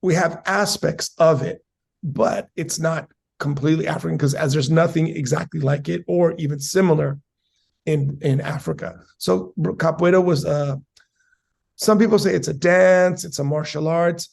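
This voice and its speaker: Gravelly, slightly high man in his forties from San Diego, a guest who explains things with an academic manner and many fillers. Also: fairly even intonation, moderate pace, darkish tone. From South San Diego, USA. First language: Spanish and English. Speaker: capoeira master, guest. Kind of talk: casual interview answers.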